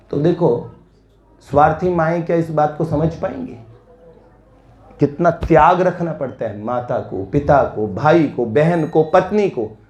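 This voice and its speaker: A male satsang preacher tells a story and urges his listeners on, earnest and exhorting. His voice is somewhat high for a man, and the room adds a noticeable echo. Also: darkish tone. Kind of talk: devotional sermon with storytelling. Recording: echoey room.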